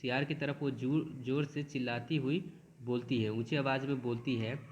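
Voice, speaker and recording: Man teaching a lesson, slow careful reading. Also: medium pitch, steady tone, lo-fi sound, slight background noise. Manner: reads verses slowly, then explains with frequent restarts.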